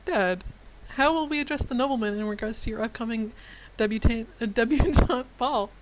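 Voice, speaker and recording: A woman voicing a sarcastic teenage daughter in a dating game, speaking in a dry, deadpan, low-key way. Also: fairly quick, natural voice.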